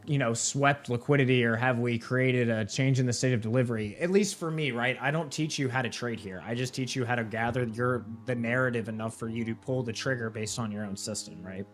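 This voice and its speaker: Speaking a little fast with hardly any pauses, a young man in a mid-range, fairly even voice guides viewers through a trading platform in a live session. He keeps it casual, leaning on fillers and asking "right?" and "okay?" again and again.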